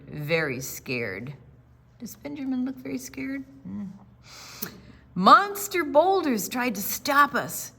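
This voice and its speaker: An older storytime reader, a woman, reads aloud from a picture book for children, with dramatic, unhurried phrasing and quieter chatty asides. Her voice is medium in pitch.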